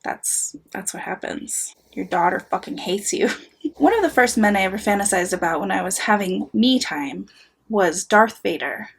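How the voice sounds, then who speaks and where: Husky-voiced woman, gleefully reading aloud. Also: medium pitch, animated, normal speed. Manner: wry, sweary, conversational asides. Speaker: host reading listeners' anonymous confessions aloud. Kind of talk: casual reading aloud with joking commentary.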